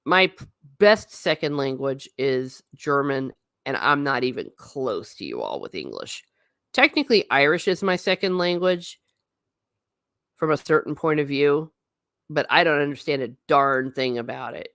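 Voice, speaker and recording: Hosting a relaxed livestream, a woman with a notably low voice speaks at normal speed straight to viewers and answers their comments. She's chatty and blunt, full of asides. The sound is close and dry, with no room echo.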